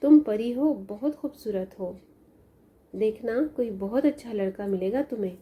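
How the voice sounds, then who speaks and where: A woman voicing an ailing old mother who gently consoles her daughter in a storybook tale. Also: a little high, moderate pace, dull audio, natural voice. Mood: tender.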